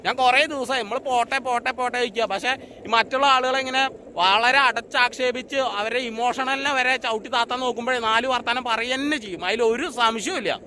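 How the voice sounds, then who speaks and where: Male show reviewer, outspoken and repetitive, very high and bright voice. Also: steady tone, fast, a little hiss or hum. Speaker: YouTube reality show reviewer. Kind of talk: casual spoken review monologue.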